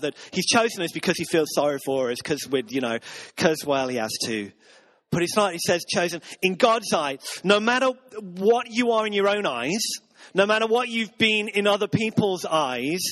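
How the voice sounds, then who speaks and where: A man's voice: sits high, fairly bright tone. A man, a pastor, giving a conversational sermon with earnest, self-mocking humor.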